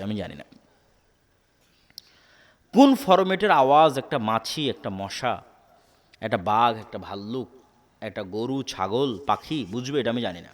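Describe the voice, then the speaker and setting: Preacher man with an echoing hall reverb. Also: medium pitch. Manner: asks the crowd rhetorical questions and repeats key words emphatically. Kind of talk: Islamic sermon to a live audience. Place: public sermon gathering.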